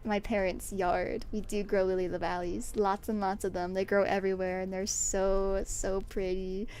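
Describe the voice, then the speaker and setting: A young woman streamer chatting casually to her viewers, bubbly and excitable, often breaking into giggles. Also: medium pitch, normal speed, faint music behind. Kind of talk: casual livestream chat.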